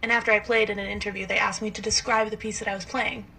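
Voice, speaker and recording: A woman with a bright, clear-edged voice tells a short story in a wry, matter-of-fact way. She sounds a little distant, with faint noise behind her. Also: medium pitch, flat delivery, fast. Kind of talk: casual storytelling.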